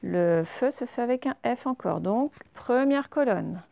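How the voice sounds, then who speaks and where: Une enseignante qui fait une leçon d'orthographe pour enfants, lente et patiente, qui répète chaque mot deux fois. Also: female voice, on the high side, expressive, creaky, dark tone, no room sound. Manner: slow, patient, repeats each word twice. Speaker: teacher. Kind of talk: spelling lesson read to children.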